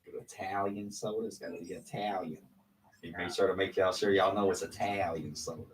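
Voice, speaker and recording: Low-voiced candid man chatting. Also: steady tone, a little fast, recorded from a distance, low-quality recording. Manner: rambling, candid storytelling. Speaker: podcast co-host. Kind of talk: casual chat.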